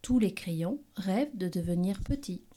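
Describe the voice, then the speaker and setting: Soft-voiced woman reading a children's book. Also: mid-range voice, lively intonation, moderate pace. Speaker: reader.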